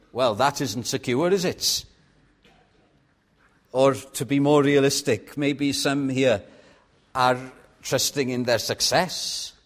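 Rhetorical questions directed at his congregation mark this measured sermon by a Welsh-accented man from Wales whose first language is Welsh. His voice is of medium pitch.

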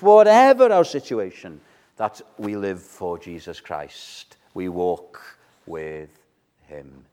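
A man preaching an evening sermon at a pulpit microphone. He is earnest, swelling to loud emphasis and then dropping low.

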